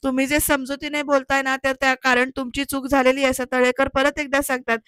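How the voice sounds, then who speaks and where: A woman's voice: high-pitched, flat delivery, brisk, a bit bright, dry recording, faint music behind. A woman narrating a voice-over recap of a TV serial, chatting to viewers and retelling the characters' lines. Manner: chatty, keeps addressing viewers and retelling dialogue.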